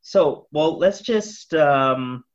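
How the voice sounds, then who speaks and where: A man's voice: fairly high pitch, expressive, very slow, highs cut off. A man hosting an interview podcast, talking casually with restarts and repeated words. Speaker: podcast host.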